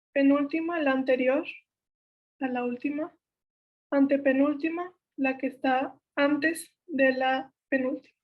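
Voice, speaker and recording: A young woman with a Mexican Spanish accent steadily explaining spelling rules step by step, correcting herself now and then. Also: high-pitched. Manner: steady list-like delivery, self-corrects. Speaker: workshop instructor.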